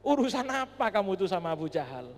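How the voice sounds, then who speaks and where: A preacher voicing an older companion who speaks gruffly with dismissive asides. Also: male voice, high voice, big pitch swings, quick pace. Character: older male companion, doubtful then admiring. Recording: echoey mosque hall.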